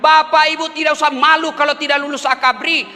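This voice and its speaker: Animated male preacher with a very bright tone, recorded in a reverberant hall. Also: extremely high pitch, fast. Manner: animated, acts out voices of angels and people. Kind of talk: sermon.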